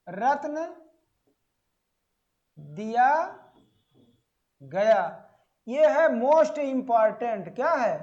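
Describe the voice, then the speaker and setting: In dull, lo-fi audio, a man with a very high, slightly mellow voice teaches agriculture for an exam. He poses questions to the class, supplies the answers himself, and stretches key words out slowly.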